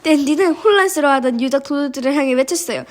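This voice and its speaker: Female storyteller, high voice, animated children's-book narration. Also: fast. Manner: lively, expressive reading.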